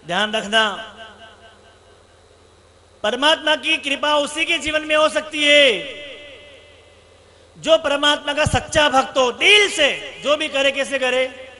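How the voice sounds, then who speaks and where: High-voiced preacher monk, emphatic. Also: male voice, slow pace, long pauses, bright, forceful tone. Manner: rhetorical questions, emphatic repetition. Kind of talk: sermon with storytelling.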